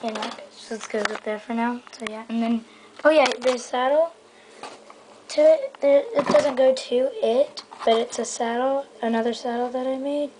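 On her bedroom floor, a young girl films a casual, rambling tour of her toy horse stable with a handheld camera mic. She speaks at a normal speed in a fairly high voice, dropping plenty of "um" and "so yeah." Background noise is audible.

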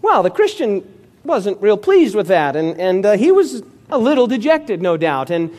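A man's voice: high voice, very animated, moderate pace, a little mellow. A male pastor preaching a sermon with emphatic storytelling and calls for amen.

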